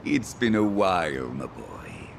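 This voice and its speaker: An actor voicing a pompous, theatrical, eccentric professor in a video game cutscene, with florid, old-fashioned delivery. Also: male voice, very deep voice, wildly swooping pitch, slow pace, vocal fry, a little hiss or hum, heavily acted. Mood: smug, sardonic.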